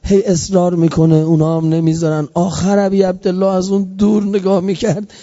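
Heard through a dull, low-fidelity recording, a high-pitched man with an even tone gives a sorrowful sermon. His impassioned delivery loops back on repeated phrases while his loudness swells and fades.

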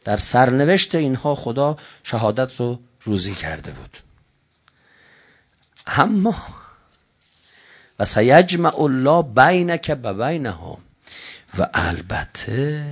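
A man preaching a sermon with passion, dropping low and quiet, then rising to loud shouts, and reciting classical Arabic slowly and solemnly. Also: husky. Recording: dull lo-fi recording.

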